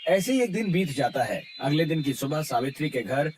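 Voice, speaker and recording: A man narrating an animated family story in a steady, scripted storytelling manner. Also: a little high, normal speed, a little hiss or hum.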